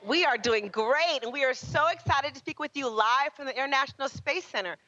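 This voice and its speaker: A woman's voice: sits high, brisk, sharp tone, muffled recording, slight background noise. A woman hosting a live event, introducing student questioners one after another.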